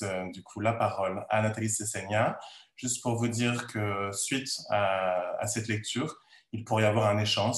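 A man hosting an online event and introducing a reading, talking in a halting way with many fillers. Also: on the low side, roomy sound. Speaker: event host. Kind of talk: hesitant introduction. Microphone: video call.

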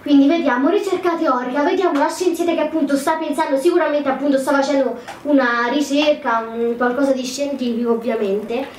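A woman's voice: high voice, a little fast, few pauses. Woman rambling through a game, unsure and self-correcting, mic a bit far, faint hiss. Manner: thinking aloud, hesitant, self-correcting. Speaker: gameplay commentator. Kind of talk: casual let's play commentary. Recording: roomy, distant mic, faint noise.

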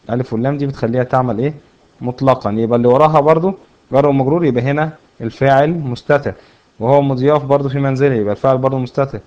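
Egyptian accent, man, grammar lesson, fast, rhetorical questions, dull low-fidelity sound. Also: a little mellow. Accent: Egyptian Arabic. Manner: explains step by step, asks and answers his own questions. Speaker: Arabic grammar teacher. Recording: dull lo-fi recording.

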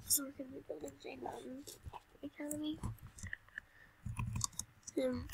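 A woman casually showing off a game build in a soft, often whispered voice, hesitant with fillers. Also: high voice, flat delivery, a little slow, creaky, very noisy. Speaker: video creator.

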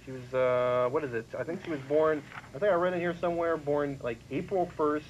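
A man co-hosting a casual chat about old sitcoms, rambling and halting with fillers and restarts. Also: a little high, steady tone. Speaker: co-host. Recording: dull lo-fi 1990s cable recording with faint hiss.

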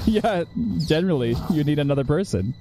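A man playing a video game and bantering casually, joking and laughing often, reacting loudly to the game. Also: a little high, lively intonation, moderate pace. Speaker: gaming streamer. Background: game music.

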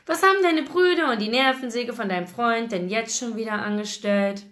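A gruff, weary older sheriff in a small town, growling out his complaints. A woman reads him aloud from a novel. He sounds fed up and exasperated. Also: on the high side, moderate pace, fairly bright tone, lightly acted. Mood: grumbling.

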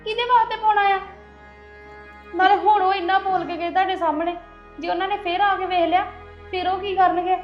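A woman playing a tearful young bride, very high voiced. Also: steady tone, brisk, pauses often. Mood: pleading. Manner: pleading, tearful. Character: tearful young newlywed bride, wronged and pleading. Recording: dull lo-fi sound with music behind.

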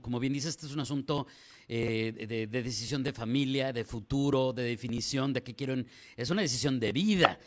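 A Mexican man in his forties hosting a morning radio interview from a small studio, asking long, winding questions. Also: medium pitch. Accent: Mexican Spanish. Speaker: radio news host. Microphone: studio mic on stand.

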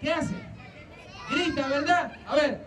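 A man telling a story on stage and leading a children's sing-along, playfully coaxing the audience to clap and shout. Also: extremely high pitch, takes it slowly, recorded from a distance, crowd noise, background noise. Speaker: children's theatre performer. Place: outdoor festival stage.

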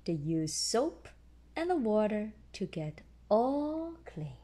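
In a lively, slow read-aloud, a woman with a middle-pitched voice shares a bedtime tale with her child. She patiently keeps everything simple for the little one.

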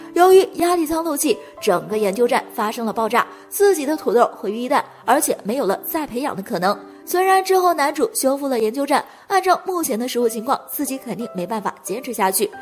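A high-pitched woman narrates a scripted movie recap, speaking quickly in one continuous flow.

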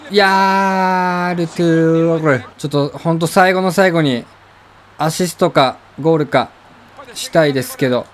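Excitable young man commenting on gameplay. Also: a little high, normal speed. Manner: chatty, excitable outbursts during play. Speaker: gaming commentator. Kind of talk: casual let's-play commentary.

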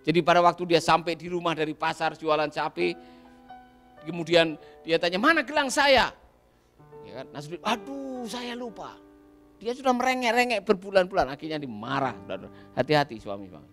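A male pastor preaching a sermon, telling stories lively and acting out the voices in them, often asking the congregation "right?". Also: on the high side, brisk, soft background music. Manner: lively storyteller, acts out quoted voices, asks "ya kan?".

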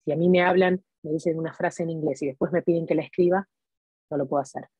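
A woman's voice: sits low, steady tone, fast, mellow, husky, no echo. A woman tutoring for a language exam, explaining step by step and checking in with her listeners. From Argentina. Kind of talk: explanatory teaching talk to viewers.

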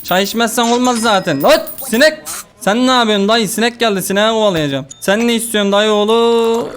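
A man's voice: high-pitched, fast, a bit bright, soft background music. A young man giving casual, joking commentary while playing a game, talking to the customers on screen. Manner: jokey, bossing game customers around. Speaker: gaming streamer. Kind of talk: casual let's-play commentary.

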